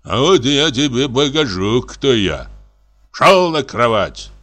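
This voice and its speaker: A shabby, bullying barber barks threats and orders in a gruff voice, as a man reads him. The lines come blunt and menacing. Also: mid-range voice, very animated, slow, fairly bright tone, pitched above the performer's own voice, exaggerated voice.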